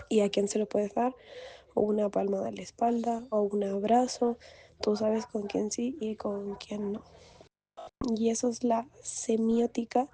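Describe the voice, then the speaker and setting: A woman's voice: fairly high pitch, warm tone, no room sound. A woman explaining study material as a speech therapy student, hesitant and full of fillers. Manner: hesitant, with many fillers and "you know" asides.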